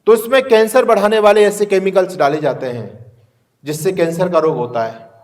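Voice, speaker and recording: A man's voice: sits high, normal speed, a little mellow. A man giving a preachy, rhetorical moral lecture to students. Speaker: speaker addressing students.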